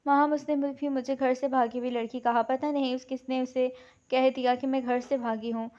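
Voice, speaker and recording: A woman's voice: high voice, level tone, moderate pace, mellow, highs cut off, natural voice. A woman voicing a heartbroken, devoted young woman who pleads in distress. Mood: pleading.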